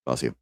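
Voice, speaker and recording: A man's voice: no echo, studio quality. A man co-hosting a podcast in casual chat, enthusiastic, laughing and swearing freely. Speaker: podcast co-host.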